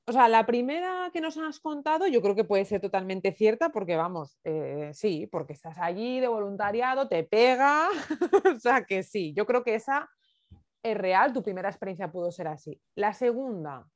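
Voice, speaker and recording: Female host, mid pitch, expressive and chatty, dry close-miked sound. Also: normal speed, no echo. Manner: expressive, laughs, thinks aloud with fillers. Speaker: interviewer, host. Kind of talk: casual conversational interview.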